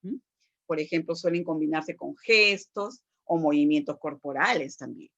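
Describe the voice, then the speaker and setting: A woman's voice: low-pitched, moderate pace, a bit bright, lo-fi sound. Woman lecturing, with many "¿no?" tag questions. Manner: explanatory, with frequent "¿no?" tag questions and "este" fillers. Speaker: teacher. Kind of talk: recorded class lecture.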